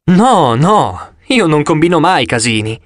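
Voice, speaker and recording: A man's voice: a little high, big pitch swings, a little slow, no echo, studio quality. A man reading an audiobook, voicing a boastful, carefree male sun god with a breezy, teasing manner.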